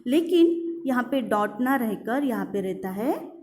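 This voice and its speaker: A woman teacher walks through a grammar lesson, repeating each example and asking rhetorical questions as she goes. Her voice sits fairly high but has a warm, mellow tone. She drops English words into her Hindi. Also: lively intonation, a little slow, a little hiss or hum.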